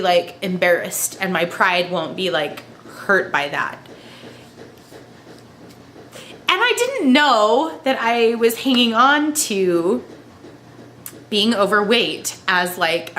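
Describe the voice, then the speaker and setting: A woman crying as she talks in a personal confessional vlog, halting and emotional as she searches for words. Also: mid-range voice, a bit bright, a little hiss or hum. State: crying, tearful. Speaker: vlogger.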